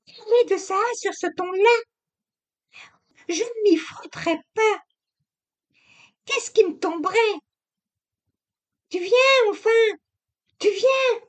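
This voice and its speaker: A woman reading an audiobook, voicing a sharp-tongued young wife who shouts in a high, strained voice. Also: slow, pauses often. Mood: defensive.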